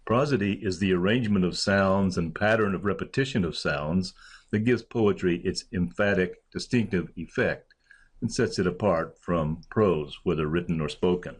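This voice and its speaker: Male lecturer, low voice, measured academic delivery with slow deliberate verse readings. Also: husky. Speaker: literature professor. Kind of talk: recorded lecture.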